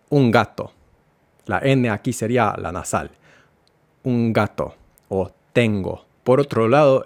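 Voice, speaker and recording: A man teaching Spanish pronunciation, speaking slowly and patiently and repeating sounds and words for the listener to copy. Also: lowish voice, darkish tone. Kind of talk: spoken lesson with repetition drills.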